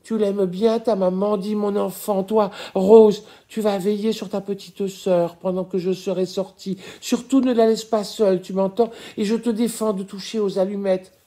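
A man's voice: high-pitched, fairly even intonation, moderate pace, few pauses, warm tone, voice pushed up. A man reading an audiobook, voicing a dying old spinster who tenderly calls out to imaginary children in a thin, faraway voice. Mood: tender delirium. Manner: tender, motherly scolding.

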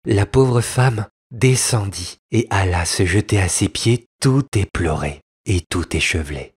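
A man narrating a storybook fairy tale with a husky voice, in slow, expressive storytelling. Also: fairly low pitch. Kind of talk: storybook reading.

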